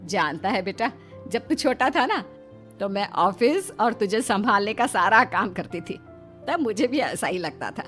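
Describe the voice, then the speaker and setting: A woman's voice: mid-range voice, expressive, measured pace, fairly bright tone, soft background music. A woman playing a middle-aged mother-in-law in a cartoon story, fretful yet affectionate, with an exasperated motherly manner. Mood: tender. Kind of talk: animated moral story acting.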